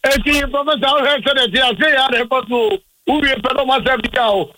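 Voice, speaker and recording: A man from Ghana reports live for radio from a stadium crowd. His voice sits high and sounds bright and sharp. He keeps a brisk reporting pace, with English phrases slipped into the commentary. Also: dry recording, rough recording. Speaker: field reporter.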